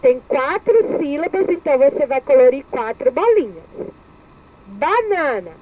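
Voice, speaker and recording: Slow, lilting Brazilian teacher woman. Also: high voice, big pitch swings, darkish tone, poor audio. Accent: Brazilian Portuguese. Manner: slow, syllable-by-syllable, repeats each word. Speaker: primary school teacher. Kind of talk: recorded lesson for young children.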